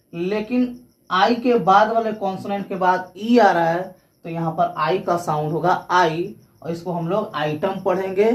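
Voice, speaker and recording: A woman teaching English pronunciation, explaining rules step by step and spelling words out letter by letter. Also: medium pitch.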